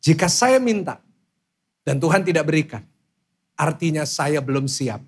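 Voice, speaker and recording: A man in his thirties preaching a sermon loudly and with energy, often calling on the congregation to respond. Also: on the high side, a little slow, slightly rough. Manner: loud, lively preaching with calls to the congregation. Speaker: pastor.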